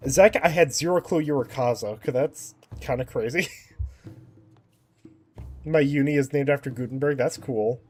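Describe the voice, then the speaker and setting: A man's voice: medium pitch, unhurried, pauses often, darkish tone, soft background music. A man casually chatting on a game livestream, thinking aloud and laughing often. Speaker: game streamer.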